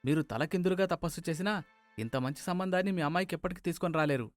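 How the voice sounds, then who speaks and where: A man's voice: fairly high pitch, quick pace, dry recording, soft background music, lightly acted. A man voicing an earnest, assertive young man in a cartoon story. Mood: defiant. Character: confident young man, a medical student.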